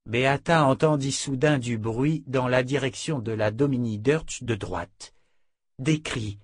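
A man reading a fantasy novel aloud in calm, even scripted narration. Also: medium pitch, no room sound. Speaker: audiobook narrator.

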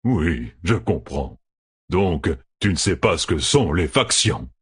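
A man's voice: deep voice, sing-song, slow, fairly bright tone, slightly rough, exaggerated voice. A man voicing a burly, shrewd innkeeper with a falsely friendly, chummy manner. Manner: chummy, then scheming.

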